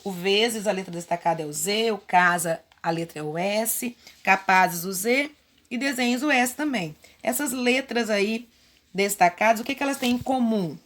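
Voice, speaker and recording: A woman's voice: medium pitch, moderate pace, a bit bright. Patient woman teaching a lesson. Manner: patient, explains step by step with diminutives. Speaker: primary school teacher. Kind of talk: remote lesson, correcting workbook exercises.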